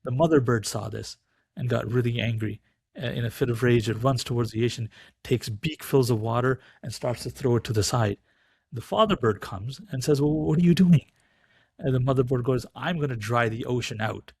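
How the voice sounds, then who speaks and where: Male podcast guest, middle pitch, dry close sound, animated storyteller. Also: fairly quick, creaky, husky, dry recording. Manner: animated storyteller, acts out quoted voices. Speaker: podcast guest, teacher of Sikh philosophy.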